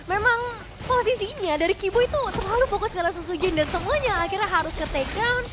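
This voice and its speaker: A woman with an Indonesian accent commentating a live mobile game match as an esports shoutcaster, with announcer-style hype. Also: extremely high pitch, fast talker. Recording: loud music behind.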